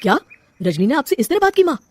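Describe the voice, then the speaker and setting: A woman's voice: high voice, very animated, quick pace, no room sound, voice pushed up. A woman voicing a patient, loving young husband who talks in a coaxing, pleading way.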